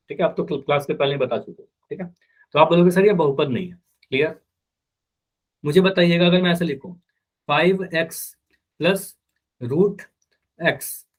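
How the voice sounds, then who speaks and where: A man teaching a live math class, his voice sitting a little high for a man. He keeps repeating each question and then speaks the students' expected answers himself. The manner is patient and drilling.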